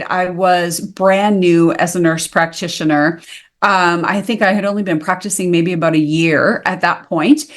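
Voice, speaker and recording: A woman in her fifties from the United States, a naturopathic practitioner answering as a guest, retelling her story with animated acted-out dialogue. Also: fairly low pitch.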